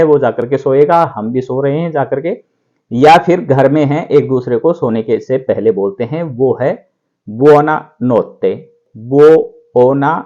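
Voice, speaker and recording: Man, language teacher, video lesson, slow repeated drills, slightly muffled recording. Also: medium pitch, warm tone. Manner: slow, drawn-out repetition of words for practice.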